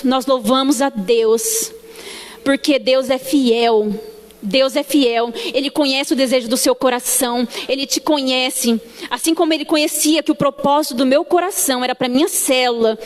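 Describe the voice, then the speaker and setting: A woman with a Brazilian Portuguese accent gives a church testimony in a sanctuary. She tells her story with feeling and acts out the dialogue. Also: high-pitched. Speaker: church member giving testimony. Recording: long church hall reverb.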